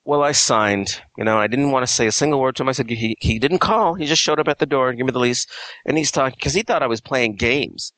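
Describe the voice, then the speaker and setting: A man's voice: medium pitch, fast talker, a bit bright, no room sound. A man telling a rambling story in casual chat, full of fillers and restarts, heard over an internet call. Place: Quebec home over a call. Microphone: internet call audio.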